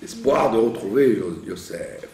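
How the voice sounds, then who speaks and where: A man's voice: lowish voice, expressive, unhurried, dark tone. A man teaching the reading of Hebrew prayer, patiently explaining and often checking that he has been understood. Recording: echoey room, from a distance.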